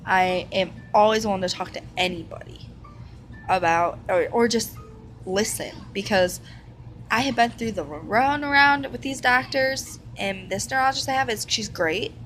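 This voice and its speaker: A woman's voice: mid-range voice, normal speed, fairly bright tone, soft background music, low-quality recording. Candid young woman talking to camera. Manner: candid, rambling, many fillers and restarts. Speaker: vlogger sharing her illness. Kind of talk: casual personal talk to camera.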